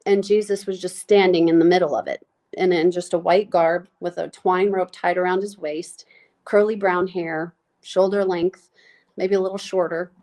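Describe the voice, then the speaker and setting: A nurse practitioner appears as a podcast guest, sharing a deeply personal story in a heartfelt, halting manner full of fillers. She's near tears and her voice breaks, though her tone stays steady and somewhat dark.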